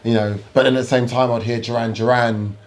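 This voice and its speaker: A man's voice: mid-range voice, level tone, brisk. A man, chatting casually as podcast host, rambling with many fillers and restarts. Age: 40s. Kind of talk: casual chat.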